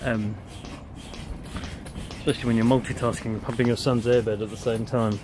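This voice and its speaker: With a level tone and moderate pace, a man in his thirties gives chatty vlog narration to camera. He is a vlogger and youth camp leader sheltering under a tent awning on a windy campsite, with wind and outdoor ambience behind him.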